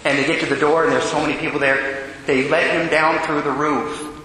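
An American man, a priest, reading the Gospel and preaching a homily in a solemn, measured way with deliberate pauses, his voice echoing like in a cathedral. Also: on the high side, little pitch movement, sharp tone. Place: large reverberant church. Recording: echoing cathedral-like reverb, faint noise.

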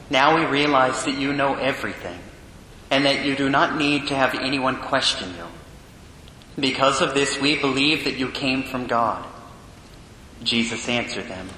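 A priest reading the Gospel and preaching a homily at Mass in a large church, his voice carried by a booming cathedral echo. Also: sharp tone, slight background noise. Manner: earnest, measured preaching. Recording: long echoey reverb in a large church.

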